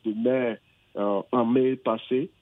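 An English man phones in to a radio show, hesitating, searching for words, and restarting often. His mid-range voice keeps fairly even intonation at a slow pace, and the telephone line sounds tinny with no room sound.

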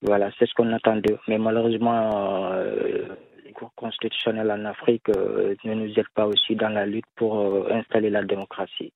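A man leaving an answering machine message for a radio show, halting, with many hesitations. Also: on the low side, level tone, vocal fry. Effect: answering machine message over a phone line. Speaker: caller leaving a voicemail. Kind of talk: recorded voicemail. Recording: tinny dry phone line.

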